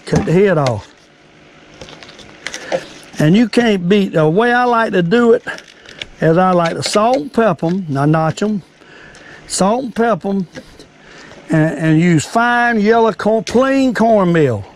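Older southern guy, folksy old fisherman type, highish voice, casual how-to talk, bit of noise on the home video. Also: lively intonation, takes it slowly, pauses often. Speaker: cooking and fishing video host.

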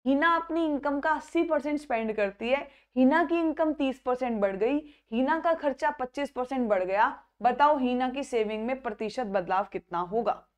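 A woman's voice: sits high, normal speed, few pauses. A woman teaching a live online math class, coaxing her students by name and checking again and again that they follow.

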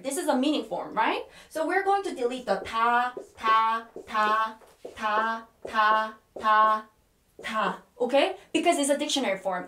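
A woman with a Korean accent teaching a language lesson, patiently repeating words slowly and often checking in with "Okay?". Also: high-pitched, echoey room, far from the mic.

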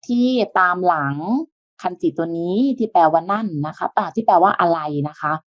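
A woman teaching an online language lesson, explaining step by step in a patient way with soft, polite sentence endings. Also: lowish voice, normal speed, no room sound, lo-fi sound.

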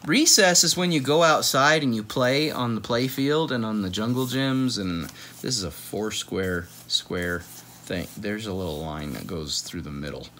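A man in his thirties reads a children's picture book aloud from the couch in a small room at home, playfully chatting and often drifting into asides. His voice is lowish and fairly bright, and he takes his time.

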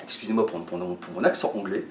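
A man's voice: a little high, animated, a little fast, recorded from a distance. Man explaining in an echoey room. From France. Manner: hesitant, many fillers and restarts, addresses viewers as friends. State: a little tired. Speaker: fitness vlogger. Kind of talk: casual explanatory talk to camera. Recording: echoey room, voice away from the mic.

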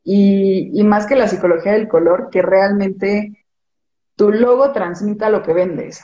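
A woman's voice: medium pitch, fairly even intonation, unhurried, mellow, roomy sound, lo-fi sound. A woman with a Mexican accent, an image consultant chatting casually in an interview, explaining with everyday examples.

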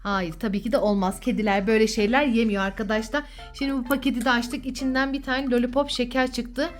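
A woman with a fairly high voice chats as a mother hosting a casual children's vlog. She is playful and coaxing, full of sing-song questions, over faint background music. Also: flat delivery, quick pace.

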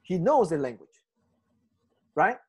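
A man's voice: high-pitched, big pitch swings, takes it slowly, slightly rough. A man from Ecuador with a Spanish accent, teaching a Bible class on a video call, earnest and full of restarts. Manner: earnest, repetitive, frequent restarts and "right?" checks.

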